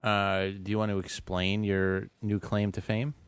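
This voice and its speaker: Lower-voiced man, dry and close. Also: level tone, measured pace, clear, resonant tone, no echo. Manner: dry, plays the straight man. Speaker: podcast co-host. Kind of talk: casual sports chat.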